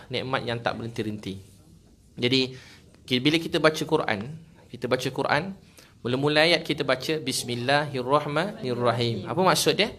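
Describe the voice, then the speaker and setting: A man with a Malaysian Malay accent gives a sermon to a gathering. His voice sits in a middle pitch, and he tells stories warmly paced, slipping in jokes and acting out what people said. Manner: storytelling with jokes and acted quotes. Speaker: preacher. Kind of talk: religious talk to a gathering.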